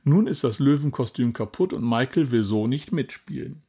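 A man's voice: medium pitch, animated, moderate pace, dark tone, breathy edge. A man voicing a boisterous little boy dressed as a lion in a children's story. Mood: tearful.

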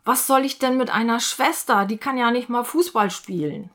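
A woman voicing an eager, sweet little boy mouse in a storybook reading, with a bright, excited childlike delivery. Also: medium pitch, moderate pace, close to an everyday voice. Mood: upset.

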